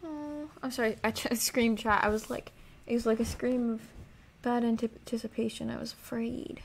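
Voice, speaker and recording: A woman's voice: on the high side, fairly even intonation, normal speed, vocal fry, a little hiss or hum, low-quality recording. A young woman streaming a game, chatting casually and jokily to her chat and sometimes whispering. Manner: jokey, talks to chat, drops to whispers while hiding. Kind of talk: casual let's-play commentary.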